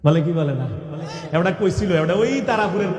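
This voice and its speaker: A man with a Bangladeshi Bengali accent delivers a fiery sermon in a strikingly high voice, mocking and mimicking the people he scolds. He often breaks into shouts for emphasis. His voice rings through a public address system in a large hall with long, roomy reverb. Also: animated, fairly quick, slight background noise. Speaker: preacher.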